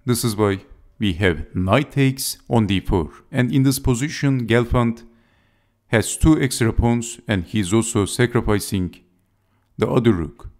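A man's voice: mid-range voice, measured pace, a little mellow. A man giving scripted chess game commentary as narrator, speaking in short, clipped move-by-move phrases.

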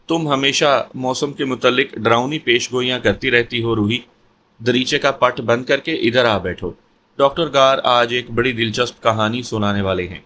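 An excitable young woman who exclaims and teases, read by a man in a storybook narration. Her lines sit at a plain middle pitch. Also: a little hiss or hum, natural voice. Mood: teasing.

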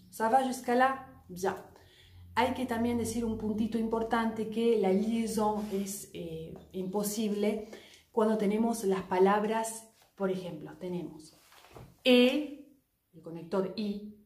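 Play a teacher, a woman, in a roomy space. Speak slowly and say each example over carefully. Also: mid-range voice, a little mellow. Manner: slow, repeats each example deliberately. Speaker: French teacher. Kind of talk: bilingual language lesson. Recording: echoey room.

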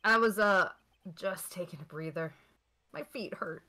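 A woman's voice: lowish voice, measured pace, bright, forceful tone. A woman streamer voicing a clumsy, loyal male police detective in a hammy read-along of a game. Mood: earnest. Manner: hammy, laughs between lines.

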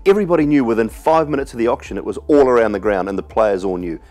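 A man's voice: mid-range voice, racing, darkish tone. A man in his forties giving blunt, emphatic cricket opinions on a studio panel. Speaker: cricket pundit. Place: TV studio, indoors. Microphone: lapel mic.

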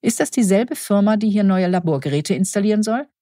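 A woman's voice: medium pitch, lively intonation, a little fast, dark tone, no room sound, studio quality, close to an everyday voice. A woman reading the part of a wry, sceptical female intensive-care doctor.

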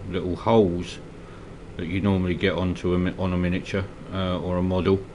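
Brisk and low-pitched, a Scottish man with a slight cold chats his way through a miniature painting tutorial at his hobby desk, with slight background noise. He's casual and relaxed but hesitant, dropping in many ums and uhs.

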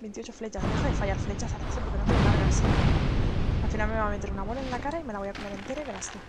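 A young woman with an accent from Spain, commentating her gameplay live and breaking into loud shrieks when startled. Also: mid-range voice, fairly even intonation, racing, very noisy. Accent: Spain Spanish. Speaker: game streamer.

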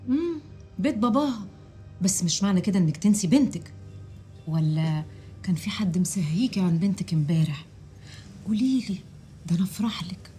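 A woman acts out a sly Egyptian schemer in a TV drama. She talks fast with sarcastic, insinuating jabs, over faint background music. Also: medium pitch, lively intonation, warm tone, lightly acted. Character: sharp-tongued, scheming woman needling a rival.

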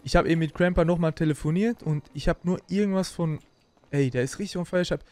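Fast-talking man in a slangy roleplay chat. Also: a little high, heavy background noise. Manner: calming, slangy, quick reassurances. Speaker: streamer, roleplay player. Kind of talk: casual in-character roleplay chat.

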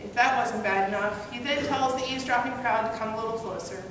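In an echoey hall, a young woman pastor at the pulpit preaches a story sermon in the first person as Peter, earnest and conversational. Her voice runs on the high side and a little fast. The sound comes from a gooseneck pulpit mic and a far camera, so it's distant and noisy.

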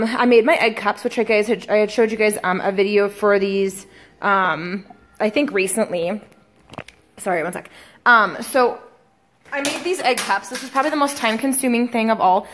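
This is a chatty fitness coach in her young adult years, talking at medium pitch in her home kitchen. She addresses her audience as "guys," drops in lots of ums, and records the casual tutorial vlog on a phone at arm's length.

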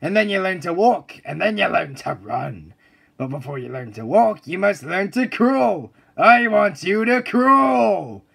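A stern cartoon drill sergeant of a driving teacher. His voice is high for a man, creaky and rough. He barks orders with military bluster, his pitch jumping about. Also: very animated, unhurried, fairly bright tone, exaggerated voice. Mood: commanding. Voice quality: gravelly, husky. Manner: barking, commanding, military. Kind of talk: cartoon voice acting.

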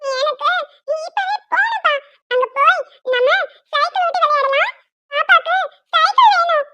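A woman's voice: very high-pitched, lively intonation, normal speed, pushed and bright, exaggerated voice. A woman voicing a stubborn, cheerful little girl in a cartoon, whiny and pleading. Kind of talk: cartoon voice acting.

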